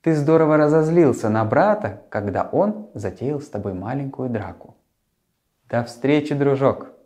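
A man in his thirties presenting to a young child as a children's show host, speaking in a friendly, simple and deliberate way into a lapel mic. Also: mid-range voice, expressive, a little mellow. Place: small furnished room, later a martial arts hall.

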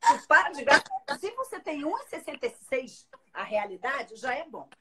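Holding her phone at arm's length, a livestream host in her forties chats from her living room in a high-pitched voice at normal speed. She's lively and chatty, reading out viewer comments as she goes. Slight background noise is present.

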